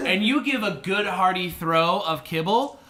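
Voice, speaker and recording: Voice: mid-range voice, lively intonation, unhurried, reverberant, crowd noise. A game master narrating a tabletop game in a chatty way, full of fillers and laughs.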